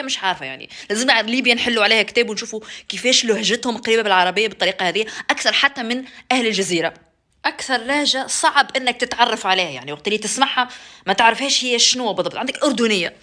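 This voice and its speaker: A woman's voice: on the high side, bright, forceful tone. A young woman with a Tunisian accent, chatting playfully to camera and slipping in English phrases. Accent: Tunisian Arabic. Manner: playful, switches to English phrases, mimics other dialects. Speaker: vlogger. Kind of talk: casual talk to camera, ranking dialects.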